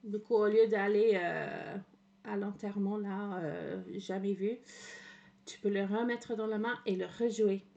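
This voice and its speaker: Her medium-pitched voice is warm with vocal fry, fairly even intonation and a slightly slow pace, though the audio sounds dull. An English streamer speaking French with an English accent, she comments casually, hesitating with many "euh" fillers, borrowing English words and laughing often.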